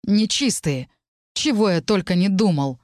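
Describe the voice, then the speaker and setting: A woman's voice: medium pitch, expressive, unhurried, a little mellow, dry recording, natural voice. A guarded young male necromancer, read by a woman narrator, speaks in muted, terse phrases. His voice stays close to the reader's own. The recording is dry. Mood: tense.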